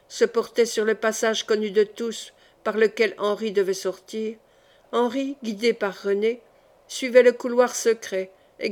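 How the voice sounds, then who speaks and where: A woman reading a historical novel aloud as an audiobook, with dramatic delivery. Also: fairly high pitch. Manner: dramatic reading, raising her voice for shouted lines. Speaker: audiobook reader. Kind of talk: read-aloud audiobook narration.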